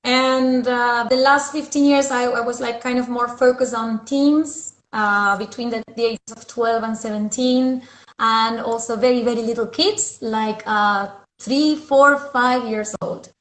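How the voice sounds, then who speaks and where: An Argentine English teacher in her forties chats casually over a video call from home, laughing easily and using lots of fillers. She has an Argentine accent and a slightly high, fairly bright voice with fairly even intonation at a measured pace. The video call audio sounds roomy.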